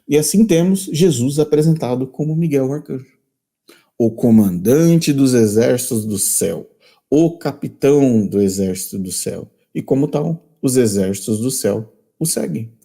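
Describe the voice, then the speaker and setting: A man's voice: medium pitch, animated, moderate pace, dark tone. A man with a Brazilian accent hosting a critical commentary, reading quotations aloud and repeating his points with scornful emphasis. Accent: Brazilian Portuguese. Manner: emphatic and repetitive, restating lines. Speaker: channel host.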